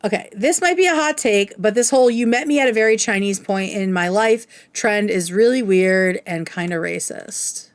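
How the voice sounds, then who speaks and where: Here a female host in her thirties streams casual reactions to clips, her chat peppered with "like" and "right?". She talks at a moderate pace with hardly any pauses in a mid-range voice, against slight background noise.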